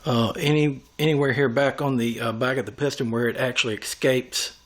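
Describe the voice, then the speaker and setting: A man's voice: mid-range voice, steady tone, a little fast, a little hiss or hum. A man giving a hands-on workshop tutorial, talking through each step as he works with his tools. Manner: talks through each step while working. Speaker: airgun tuner demonstrating machining.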